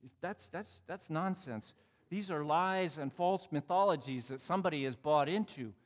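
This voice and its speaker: A man's voice: fairly high pitch, moderate pace, long reverb tail. A man telling a personal story in a conversational, sermon-like talk, acting out the voices in it. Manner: reflective, conversational, acts out quoted dialogue.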